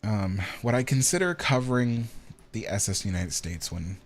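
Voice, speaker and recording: Yawning and weary, a livestream host in his thirties meanders through answers to viewer comments, filling gaps with ums. He speaks at a normal speed in an expressive voice that sits on the low side.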